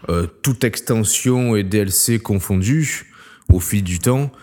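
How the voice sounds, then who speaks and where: A man's voice: fairly low pitch, unhurried, a little mellow. A man co-hosting a casual gaming podcast, laid-back, with stammering restarts. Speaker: podcast co-host.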